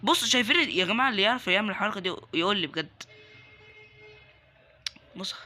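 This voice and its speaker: A young man with an Egyptian Arabic accent commentating his game, excitable and joking as he taunts other players. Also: sits high, fast, soft background music. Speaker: gaming YouTuber. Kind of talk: live Roblox gameplay commentary.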